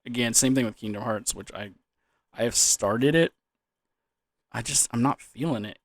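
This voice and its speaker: A young man talks in a mid-pitched voice, recorded dry. He rambles drunkenly in casual gamer chat, doubling back on words and letting sentences trail off. His language is slangy, with casual swearing. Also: moderate pace, no room sound. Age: young adult. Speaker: gaming vlogger.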